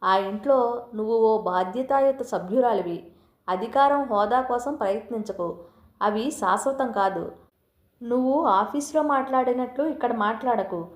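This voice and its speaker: A woman's voice: fairly high pitch, close to an everyday voice. A woman voicing a stern middle-aged husband who lectures his wife firmly, as in a storybook reading. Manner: firm, instructive. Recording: roomy echo.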